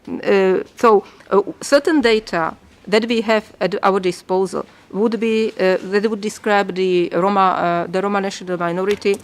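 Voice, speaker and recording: A woman explains her country's position before a committee in formal testimony. She hesitates often, restarting phrases and filling gaps as she searches for her English. Her voice sits at a middling pitch. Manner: hesitant, many fillers and restarts. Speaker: state delegation member answering a UN committee.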